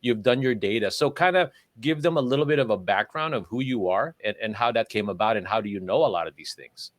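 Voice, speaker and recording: Hosting a livestream show, a man conducts a casual interview, asking long, rambling questions full of restarts. His voice is fairly low with lively intonation and a quick pace, captured dry through a livestream call microphone.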